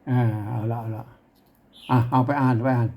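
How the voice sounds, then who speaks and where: A man with a Northern Thai accent teaching an informal reading lesson, slowly working through an old manuscript, repeating words as he deciphers them and chuckling often. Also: mid-range voice, level tone, vocal fry, muffled recording.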